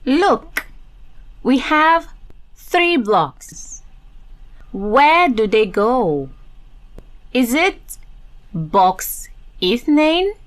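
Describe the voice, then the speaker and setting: A woman hosting an interactive lesson for young children in an exaggerated singsong children's-show delivery, drawing words out and leaving pauses for answers. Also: a little high. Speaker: children's teacher and host.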